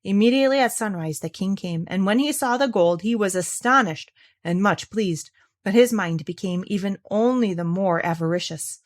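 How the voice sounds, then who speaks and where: A woman storyteller reads a fairy tale aloud, expressive and theatrical with clear enunciation, in a mid-range voice at a moderate pace.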